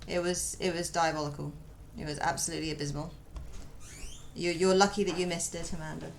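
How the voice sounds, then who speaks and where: Gravelly-voiced woman chatting as she draws. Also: fairly low pitch, level tone, a little fast, a little hiss or hum. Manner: chatty, muttering to herself, answering chat. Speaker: streamer. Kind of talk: casual chat while drawing on stream.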